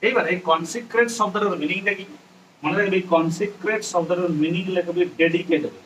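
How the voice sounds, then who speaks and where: A man's voice: high-pitched, brisk, fairly bright tone. A man, teaching a poem to a class, repeating points and spelling words letter by letter to his students. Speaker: English teacher. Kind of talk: classroom lecture explaining a poem. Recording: distant mic with faint ambient noise.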